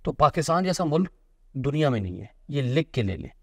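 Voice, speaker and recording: A man's voice: mid-range voice, big pitch swings, fairly quick, gravelly, fairly bright tone, no echo. A man, hosting a casual cricket chat in a small studio and talking emphatically. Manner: talkative, emphatic, gesturing. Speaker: show host, cricketer and actor.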